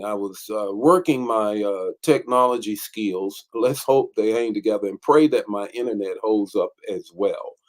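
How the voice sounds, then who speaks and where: A man hosting an online morning teaching as bishop, greeting viewers by name and talking with many fillers. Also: medium pitch.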